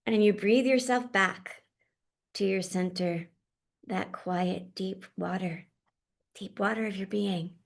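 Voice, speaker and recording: A woman leads a guided meditation gently, speaking slowly and softly as her words often drift into a half-whisper. Her pitch remains level and even, with a slightly gravelly edge.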